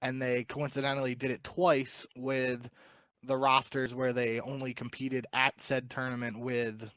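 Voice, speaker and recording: A man's voice: medium pitch, little pitch movement, measured pace, a bit bright, dry recording. A man co-hosting a podcast, talking esports in a casual, rambling way with lots of fillers and restarts. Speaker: podcast co-host. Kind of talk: casual esports analysis chat.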